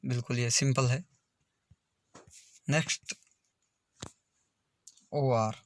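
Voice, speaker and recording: A man's voice: medium pitch, darkish tone, no echo, studio quality. A man teaching English pronunciation in a video lesson, spelling words out letter by letter and repeating them.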